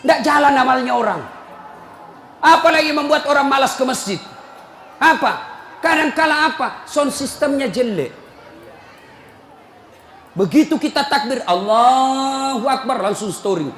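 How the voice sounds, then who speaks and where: A man preaching a humorous sermon, teasing and scolding his listeners and often breaking into shouts. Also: very high voice, expressive, a little slow, long pauses. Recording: echoey hall, faint crowd and noise.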